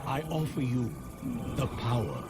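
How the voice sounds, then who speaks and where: An actor playing Zeus, the mighty older king of the gods, giving slow, solemn, commanding proclamations in a video game. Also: medium pitch, sing-song, heavy background noise.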